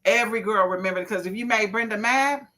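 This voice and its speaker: A middle-aged woman hosting a casual live stream, telling animated stories and reading viewers' comments aloud with folksy asides. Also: mid-range voice, fairly quick. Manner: animated storyteller, laughs often, folksy asides. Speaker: livestream host.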